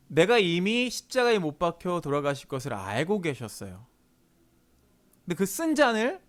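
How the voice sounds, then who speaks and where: A man preaching a conversational youth sermon as a pastor, telling stories and acting out quoted voices. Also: sits high. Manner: animated storytelling, acts out quoted voices.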